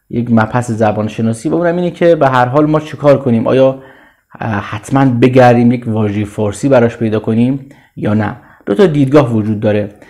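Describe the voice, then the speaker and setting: A Persian-speaking man teaching English vocabulary. He says each word slowly, repeats it several times, and then explains it. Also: medium pitch, darkish tone. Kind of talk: slow vocabulary drill with repetition.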